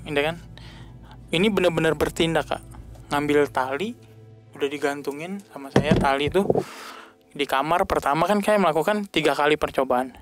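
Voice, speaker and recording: Man telling an earnest personal testimony. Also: over music. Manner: earnest, halting, pitch rising when emotional. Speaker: podcast guest.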